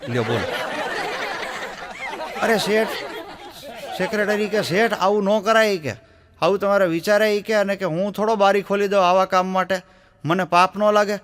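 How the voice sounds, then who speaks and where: A man's voice: high voice, moderate pace, long pauses, fairly bright tone, a faint crowd. A man with a Gujarati accent telling jokes in a folksy storytelling style, acting out the voices of the people in them. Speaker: stand-up comedian.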